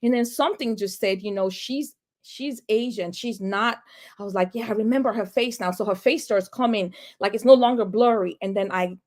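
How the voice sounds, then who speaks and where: A real estate agent telling a personal story in an interview, animated and acting out the dialogue she recalls. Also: mid-range voice, normal speed. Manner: animated, acts out quoted dialogue.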